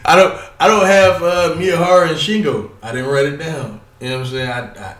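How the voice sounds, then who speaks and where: A man's voice: on the high side, brisk, fairly bright tone, roomy sound, distant mic. A man casually talking about pro wrestling on his own, rambling and cursing, with lots of fillers and stutters. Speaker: wrestling commentator. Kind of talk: casual solo talk.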